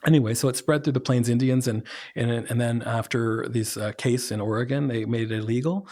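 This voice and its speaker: A man's voice: mid-range voice, fairly even intonation, brisk, a little mellow. A man from Oklahoma explaining at length in a podcast conversation, building to emphatic points.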